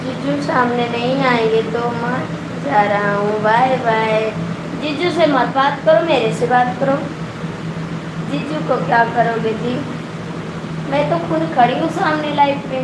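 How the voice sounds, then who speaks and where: A woman's voice: high-pitched, steady tone, slow, long pauses. Teasing Awadhi woman hosting a live stream. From Awadh region, India. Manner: teasing, coaxing viewers to comment. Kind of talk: casual chat with live viewers. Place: room with a running air cooler. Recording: echoey room, loud cooler noise.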